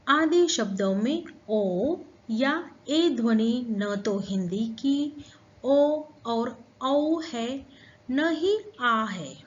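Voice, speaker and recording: Slow patient woman teaching grammar. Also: on the high side, muffled recording. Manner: slow, patient explaining to children. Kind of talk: Hindi grammar lesson.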